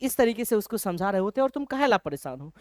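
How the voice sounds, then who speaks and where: A man teaching a lecture in a lively way, checking often that students follow and reading verse lines slowly. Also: sits high, no echo, studio quality. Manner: lively, keeps asking if things are clear; reads English verse slowly. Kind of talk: classroom-style lecture.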